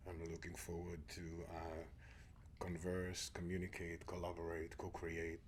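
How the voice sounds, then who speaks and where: A middle-aged Israeli spiritual teacher, appearing as a guest on an interview show, speaks reflectively in a low, monotone voice at a slightly slow pace. He often drops to a near-whisper, and a faint hiss or hum sits under the audio.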